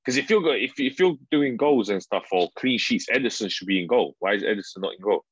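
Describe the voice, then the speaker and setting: A man's voice: fairly low pitch, lively intonation, fairly quick, breathy edge, dry recording, dull audio. A young man with a London roadman accent, arguing insistently in a casual football debate with friends and repeating himself. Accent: London roadman, multicultural urban slang.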